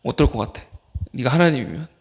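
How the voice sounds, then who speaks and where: A man's voice: medium pitch, fast, creaky. A man, an associate pastor, preaching informally to a youth group, firing questions at the teens and calling on them by name. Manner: animated, fires questions at listeners. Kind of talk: youth sermon.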